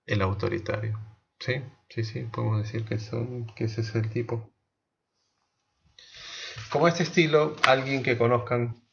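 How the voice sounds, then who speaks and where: Man, teacher, explanatory, quizzes students, gravelly, muffled call audio. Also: medium pitch, fairly even intonation, measured pace, pauses often, a little hiss or hum. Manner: explanatory, asks the class questions, many restarts. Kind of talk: online class lecture.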